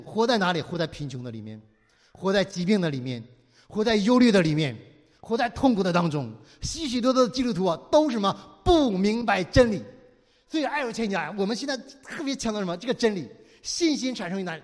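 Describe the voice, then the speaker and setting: A man's voice: sits high, big-room sound. A man preaching a sermon, firing rhetorical questions at his listeners and mockingly acting out whiny pleading prayers. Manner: preaching with constant rhetorical questions for the audience to answer. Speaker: pastor.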